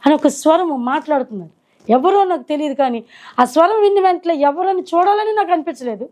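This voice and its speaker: A middle-aged woman sharing her personal faith testimony at home, earnest and reflective, pausing and slowing as she recalls. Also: sits high, lively intonation, darkish tone. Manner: earnest, reflective storytelling with slow hesitations. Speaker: testimony speaker. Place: indoors at her own home.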